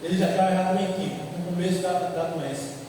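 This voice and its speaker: A man in his fifties from Brazil, a pastor preaching a sermon slowly and repeating his points. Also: sits high, fairly even intonation, mellow, slight background noise. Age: 50s. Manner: slow, repetitive preaching with scripture reading. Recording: echoey hall from far off.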